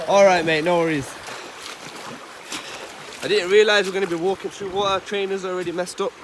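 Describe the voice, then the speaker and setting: Dude vlogging a canyon hike, excitable and jokey, kinda breathless, water roaring behind. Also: male voice, high-pitched. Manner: excitable, joking, increasingly hyped. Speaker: travel vlogger. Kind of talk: casual adventure vlogging. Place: outdoors in a river canyon. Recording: loud rushing water noise. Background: rushing water.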